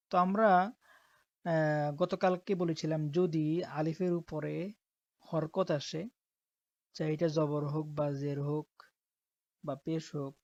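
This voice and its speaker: A woman's voice: sits low, darkish tone, no echo. A woman teaching Quran reading, patiently spelling out each syllable and repeating it step by step. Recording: dull, dry close recording.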